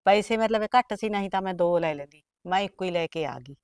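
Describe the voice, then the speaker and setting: A woman's voice: fairly low pitch, fairly quick, darkish tone, clear, resonant tone, no room sound, clean studio sound, lightly acted. A woman with a Malwa Punjabi accent acting as a middle-aged village aunt who is raising her orphaned niece, talking plainly and confidingly. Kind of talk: village short film acting.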